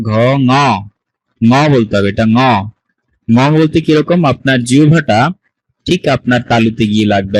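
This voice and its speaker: A man's voice: mid-range voice, a little mellow, no room sound, low-quality recording. A man teaching an online language class, explaining patiently step by step and putting questions to his students over a video call. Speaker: Sanskrit teacher. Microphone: computer mic on a video call.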